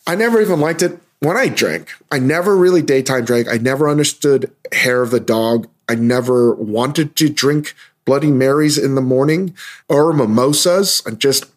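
A hungover man hosting a podcast, talking in a casual, rambling monologue with a halting, musing delivery. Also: mid-range voice. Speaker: podcast host.

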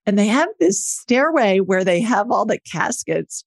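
A woman's voice: medium pitch, very animated, unhurried, creaky, no room sound. A woman from Ohio hosting an interview, chatting casually in a conversational, storytelling way. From Ohio, United States. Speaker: podcast host.

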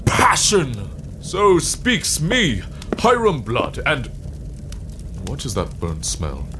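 A man's voice: medium pitch, huge pitch swings, slow, noisy background. A man playing a pompous, grandiose old-time sailor in a comedic audio drama, speaking in theatrical proclamations.

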